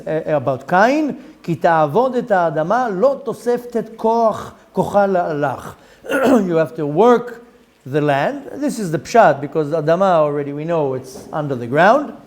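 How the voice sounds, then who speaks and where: A middle-aged rabbi teaches the Zohar in a Torah lesson, speaking with an Israeli accent in a high voice. Quick Hebrew readings alternate with English explanations full of lively rhetorical questions.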